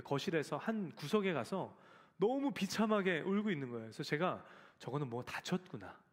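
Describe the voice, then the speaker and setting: Lively high-voiced pastor in a church hall. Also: male voice. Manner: storytelling, acts out quoted voices; addresses the congregation directly. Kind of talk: sermon. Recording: long church reverb.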